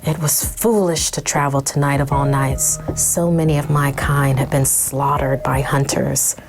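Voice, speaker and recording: A woman's voice: very deep voice, flat delivery. A hunted werewolf man. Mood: solemn. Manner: measured, solemn storytelling. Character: haunted young man who is a werewolf, hunted and fearful. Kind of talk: scripted first-person horror narration. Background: music.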